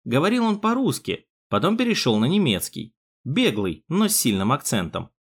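Animated male audiobook narrator. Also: medium pitch, moderate pace, husky. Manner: expressive, animated reading. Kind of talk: scripted narration.

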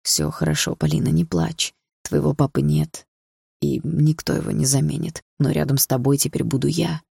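A woman voicing a calm young man who speaks quietly and soothingly. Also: low voice, fairly quick, gravelly, breathy edge, dry recording, studio quality, heavily acted. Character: calm, caring young man, the heroine's partner.

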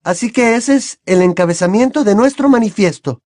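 A man's voice: high-pitched, lively intonation, moderate pace, a little mellow, no room sound, studio quality, voice pushed up. A man voicing an earnest, bossy teenage schoolgirl witch in an audiobook, insistent and precise. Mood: earnest, indignant. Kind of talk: audiobook character voice.

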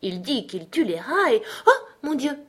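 A woman's voice: on the high side, animated, normal speed, voice pushed up. A woman voicing a curious, polite little girl who talks eagerly to please.

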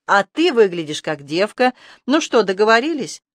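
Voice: mid-range voice, very animated, normal speed, a bit bright, no room sound, clean studio sound. An audiobook narrator voicing a sarcastic, scruffy male talking rat with a mocking, needling manner. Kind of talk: audiobook character voice.

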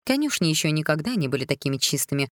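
A woman voicing a jealous, cruel queen who shouts and mocks in an audiobook. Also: big pitch swings, very fast, no room sound, studio quality. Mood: sarcastic. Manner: shrill shouting and biting sarcasm.

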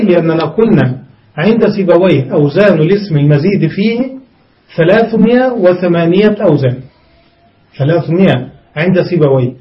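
Brief: male grammar teacher, high voice, reads the text and explains, checks in with students; muffled lo-fi recording. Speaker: sheikh teaching Arabic grammar. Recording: dull lo-fi lesson recording.

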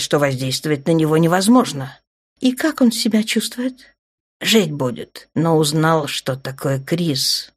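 Brief: female reader voicing a soft-spoken, teasing male dark lord, low and hushed, audiobook. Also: husky. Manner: low, soft and purring, often near a whisper. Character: smug, teasing dark male lord, wounded but playful.

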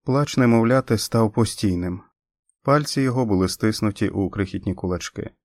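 A man narrating an audiobook in a steady, measured reading. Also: fairly low pitch, dry recording, clean studio sound. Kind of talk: scripted narration.

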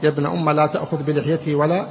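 A man with a somewhat high voice teaches grammar to a class, explaining step by step and throwing questions at his students. The recording is dull and muffled, with a long reverb trailing off the hall and a faint hiss underneath. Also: flat delivery, darkish tone. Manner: explains slowly, quizzes students with rhetorical questions. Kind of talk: classroom lecture.

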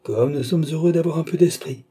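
A man voicing a sharp-witted countess in an audiobook, ironic and needling. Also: on the high side, fairly quick, husky, pitched above the performer's own voice. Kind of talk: audiobook character voice.

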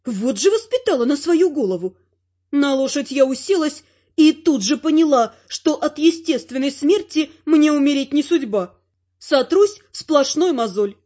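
A woman's voice: high voice, expressive, normal speed, warm tone, lo-fi sound. A woman narrating a first-person fantasy audiobook in a wry, ironic manner, voicing the dialogue herself.

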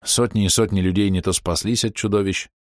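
A man narrating a fantasy audiobook in a steady, even storytelling manner, close to the mic. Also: lowish voice, a little fast, no echo.

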